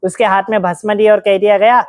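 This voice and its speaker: A woman's voice: mid-range voice, little pitch movement, brisk, no echo, clean studio sound. A woman narrating a devotional story, vividly telling it and asking her listeners questions as she goes.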